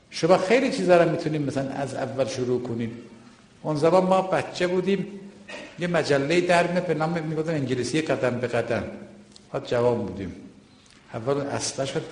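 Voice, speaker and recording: A man's voice: on the high side, a little mellow. An older man preaching from the pulpit in a colloquial lecture, emphatic and repetitive, often asking rhetorical questions. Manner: emphatic, repeats points, asks rhetorical questions. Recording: echoey hall with long reverb.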